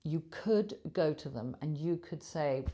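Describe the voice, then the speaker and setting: A woman's voice: low voice, animated, unhurried, mellow. A woman author giving an earnest spoken lesson on emotions, emphatic and full of vivid images, recorded on a clip-on lapel mic. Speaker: author and shame teacher.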